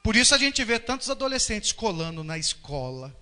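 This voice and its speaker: Animated Brazilian pastor in a reverberant church. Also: male voice, sits high, fairly quick, clean tone. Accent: Brazilian Portuguese. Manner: animated, acts out quotes and voices. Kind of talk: sermon. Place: church hall. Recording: live church recording with long reverb.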